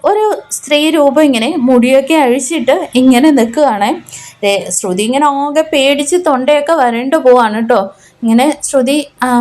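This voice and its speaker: A woman from Kerala, India hosts her own channel and retells a television serial episode in a relaxed, chatty way. She keeps dropping friendly tag words as she goes. Her voice is high. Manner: chatty, frequent tag particles. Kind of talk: casual storytelling recap.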